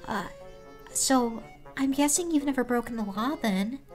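Pranking a scammer, a male online creator runs his voice through a changer to pass as a sweet young woman, hesitating with lots of ums and stammers. The result is extremely high, well above his own voice, unhurried, over faint background music.

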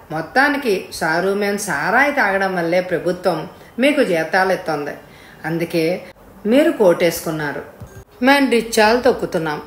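A woman voicing a lazy, drunk male rickshaw puller who answers in a slow, mocking drawl. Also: medium pitch, roomy sound, lightly acted. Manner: slow, careless, teasing drawl.

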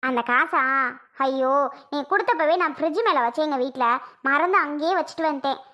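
A woman's voice: high voice, fairly quick, pushed and bright. A woman putting on a curt, cold sister-in-law. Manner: curt, dismissive. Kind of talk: cartoon voice acting.

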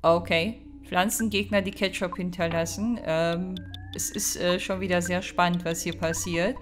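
Chatty woman with a low voice, gaming. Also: steady tone, moderate pace, slight background noise. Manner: chatty, reacts with mock exasperation. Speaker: let's play host. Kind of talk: casual gameplay commentary.

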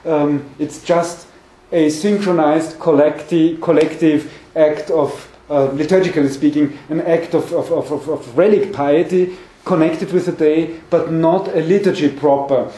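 Academic guy lecturing a seminar, kinda high mellow voice, stops and restarts a lot, roomy echo. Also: steady tone. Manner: hesitant, halting, repeats words while searching for phrasing. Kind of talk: scholarly lecture to a small seminar. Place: meeting room with conference table, indoors. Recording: echoey room, mic at a distance.

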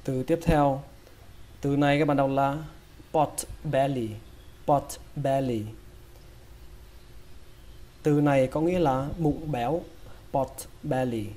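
Mellow-voiced man drilling English words. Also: mid-range voice, fairly even intonation. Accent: Vietnamese. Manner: repeats each word slowly, breaking it into sounds. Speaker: English pronunciation teacher. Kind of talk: slow, drilled pronunciation lesson.

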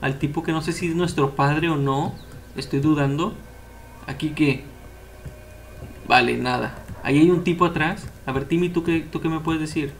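A young man giving casual, excitable let's-play commentary as he plays, cheering on the characters. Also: fairly high pitch, normal speed, gravelly, slight background noise. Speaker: gameplay commentator.

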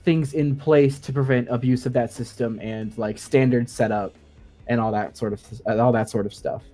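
A man with a medium-pitched, warm voice speaks at a moderate pace with fairly even intonation, while soft music plays in the background. He's a guest co-host on a gaming podcast, explaining game sound design casually but in technical detail, hedging his points informally.

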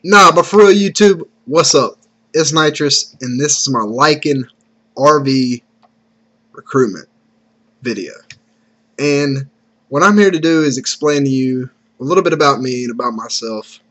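At a measured pace, the thirtysomething gaming YouTuber speaks in a medium-pitched, sharp-toned voice with lively intonation despite feeling slightly sick. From his indoor bedroom setup, using a desktop USB mic, he chats in a relaxed, repetitive way.

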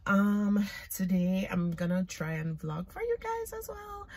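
A woman's voice: medium pitch, wildly swooping pitch, unhurried. A young woman with a Jamaican accent chatting casually to her viewers while driving, rambling and poking fun at herself. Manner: chatty, rambling, self-mocking. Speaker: vlogger. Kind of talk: casual driving vlog chat. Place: inside a car. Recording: loud car and road noise.

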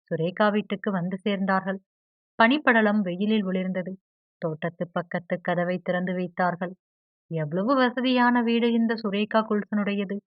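Steady woman audiobook narrator. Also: mid-range voice, no echo. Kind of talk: scripted narration of a novel. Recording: dry, slightly dull audio.

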